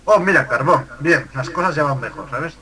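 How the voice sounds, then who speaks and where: A man's voice: on the high side, lively intonation, moderate pace, crowd noise, rough recording. A man giving casual gameplay commentary with a friend, rambling, joking and swearing a lot. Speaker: gamer co-host.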